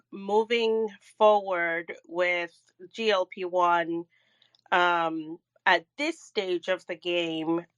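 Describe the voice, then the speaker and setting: A woman with a lowish voice speaks slowly in a casual online audio-room discussion. She talks in a measured, hesitant way as she works through her thoughts. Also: fairly bright tone, clear, resonant tone. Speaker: patient advocate and organizer.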